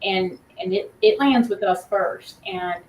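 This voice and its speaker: A woman's voice: medium pitch, slow, reverberant. Woman, school nurse, hesitant, repeats words, distant mic, faint room noise. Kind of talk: casual interview chat.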